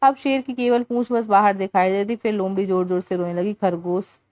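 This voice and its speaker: A woman's voice: mid-range voice, steady tone, darkish tone, no room sound. Woman teacher reading a workbook aloud. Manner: deliberate, explaining, occasional restarts. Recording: dull lo-fi sound.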